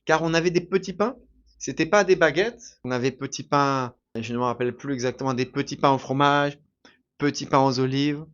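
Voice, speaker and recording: A man teaching through a slow, emphatic story for learners, repeating his phrases deliberately. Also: medium pitch, dull audio. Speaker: French teacher.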